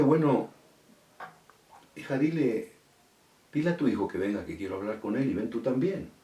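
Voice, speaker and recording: A man's voice: on the low side, warm tone. A middle-aged male pastor preaching a sermon, telling a story and quoting the people in it. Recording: echoey room from far off.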